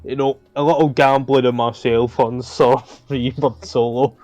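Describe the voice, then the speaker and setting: A man's voice: medium pitch, flat delivery, measured pace, a little mellow, muffled recording, close to an everyday voice. A man playing a rambling skeptical king. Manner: casual, rambling, swears. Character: skeptical male king judging suitors. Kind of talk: improvised role-play on a game stream.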